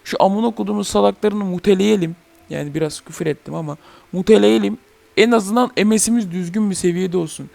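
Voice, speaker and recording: A man's voice: sits high, a little fast, vocal fry, a little mellow, no echo. A young man hosting a gaming channel, ranting heatedly and swearing in a casual chat about a game.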